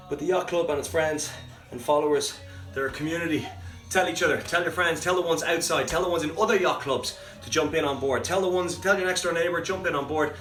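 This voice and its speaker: Man coaching a workout, roomy and distant. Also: on the high side. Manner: brisk, encouraging coaching cues. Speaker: fitness coach. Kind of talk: live home workout instruction. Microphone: phone livestream from a distance. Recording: roomy, far from the mic, faint music.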